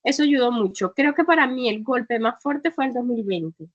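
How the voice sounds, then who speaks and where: In a conversational interview, a woman guest who works as a travel entrepreneur reflects aloud with frequent fillers and restarts; her first language is Spanish. Her voice is fairly high and expressive at a normal speed, and the recording's highs are cut off.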